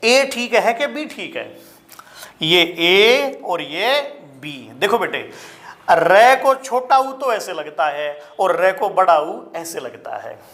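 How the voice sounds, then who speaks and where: A man teaching a spelling lesson to exam students, repeating each word slowly and calling his listeners children. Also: high-pitched, sing-song, a bit bright. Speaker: Hindi teacher.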